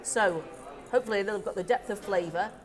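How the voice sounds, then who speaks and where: A woman co-hosting a casual food tasting chat, talking with her mouth full and filling pauses with ums. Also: medium pitch, a crowd in the background. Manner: chatty, eats while talking, many ums. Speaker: deli owner co-host. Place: deli or shop indoors.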